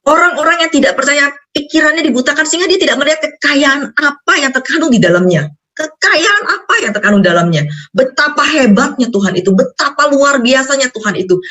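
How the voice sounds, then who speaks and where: A woman's voice: sits high, fairly bright tone. A woman preaching a sermon in a conversational, colloquial way, mixing in a personal testimony. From Indonesia.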